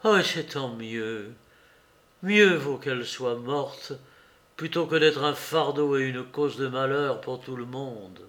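A man's voice: medium pitch, slow, fairly bright tone. A man voicing a frightened housekeeper who scolds and urges anxiously, in an audiobook reading. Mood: anxious scolding.

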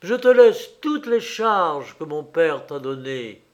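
A man's voice: fairly high pitch, sing-song, slow pace, muffled recording. A man reading a storybook aloud, voicing a scheming, hot-tempered prince who commands and threatens. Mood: persuasive. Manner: commanding, shouting in anger.

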